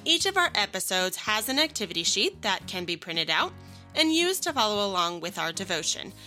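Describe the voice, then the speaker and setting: Woman, kids' devotional host, sweet and patient Sunday school manner, lively intonation, bright voice, faint music. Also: mid-range voice. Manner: sweet, patient Sunday school teacher explaining simply to children. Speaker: children's devotional podcast host.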